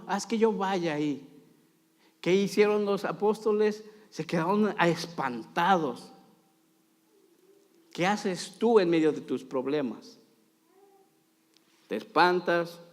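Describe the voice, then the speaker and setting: A man preaching a sermon in a church, dramatic, swinging from loud pleading to quiet asides. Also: sits high. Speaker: pastor. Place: church sanctuary. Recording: long hall reverb.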